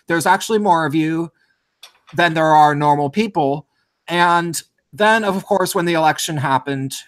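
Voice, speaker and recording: A man's voice: fairly high pitch, a bit bright. A man hosting a casual political chat show over a video call, rambling and restarting his sentences often. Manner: rambling, with many restarts and filler words. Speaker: host.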